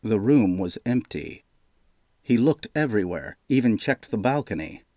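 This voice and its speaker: Reading from a fantasy novel, a man with a lowish voice keeps his scripted narration even and deliberate, as audiobook narrators do. There is no room sound, just a dry, close recording.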